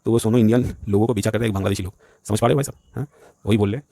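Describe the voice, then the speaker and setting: A man's voice: on the low side, steady tone, very fast, creaky, dark tone, no room sound. A man from West Bengal, speaking Hindi as an in a heated, repetitive political monologue. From West Bengal, India. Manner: agitated, repetitive, keeps saying "bhai sahab". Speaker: vlogger.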